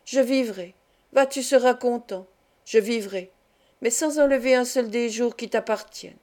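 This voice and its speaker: A woman's voice: on the high side, moderate pace, darkish tone, lightly acted. A woman reading the lines of a dying old nobleman, frail and domineering, who speaks in a weak, muffled, grumbling voice.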